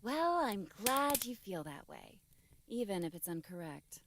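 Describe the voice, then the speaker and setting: A woman's voice: medium pitch, sing-song, unhurried, a bit bright, a little hiss or hum. A woman voicing a stern, bossy young woman in a game who is often exasperated. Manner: curt, exasperated.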